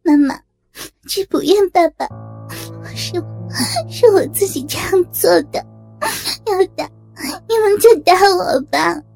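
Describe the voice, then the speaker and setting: A woman voicing a tearful teenage daughter who pleads in a high, sobbing, halting voice. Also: steady tone, warm tone, soft background music. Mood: tearful pleading.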